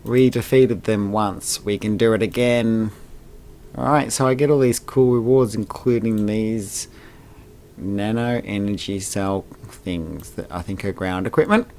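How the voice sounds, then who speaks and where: Low-voiced man commenting on his game. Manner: relaxed, reads game dialogue aloud. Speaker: let's play gamer. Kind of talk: casual gameplay commentary.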